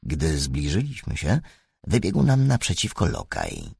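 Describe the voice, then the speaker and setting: A man narrates a story in an unhurried reading with a gravelly, husky voice. His pitch sits low but swings widely across phrases. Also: huge pitch swings, darkish tone, no room sound, studio quality. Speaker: audiobook narrator. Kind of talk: scripted narration.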